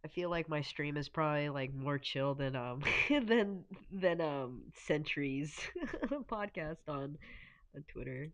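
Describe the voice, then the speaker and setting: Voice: mid-range voice, slow. A congested streamer chatting casually while drawing, rambling with lots of fillers and giggles, speaking from a room at home over a voice call. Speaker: streamer, artist. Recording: muffled lo-fi voice call.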